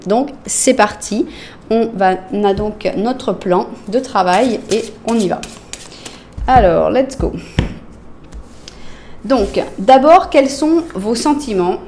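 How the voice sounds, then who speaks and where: A woman with a French accent doing a casual tarot reading, talking straight to her viewers with lots of fillers and often dropping to a soft murmur as she lays out cards. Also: mid-range voice, slight background noise. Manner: chatty, addresses viewers directly, many fillers. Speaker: tarot reader.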